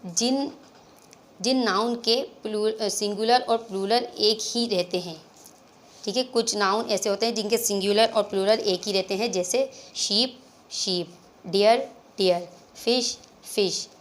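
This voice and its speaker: A young woman teaching an English grammar lesson in Hindi-Urdu. She is patient, repeats examples and keeps asking if it is clear. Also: medium pitch, fairly even intonation, normal speed. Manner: patient, keeps checking in with "clear?" and "theek hai".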